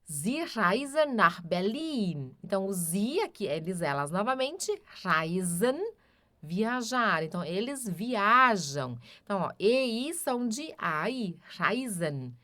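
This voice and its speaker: A woman with a Brazilian Portuguese accent teaching a grammar lesson, patiently repeating each example sentence slowly. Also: mid-range voice, very animated, sharp tone, no room sound, clean studio sound. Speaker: German teacher.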